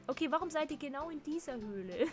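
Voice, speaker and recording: A woman's voice: high voice, animated, fast, faint music behind. A young woman streaming a game, chatting casually, reading the chat aloud and laughing often.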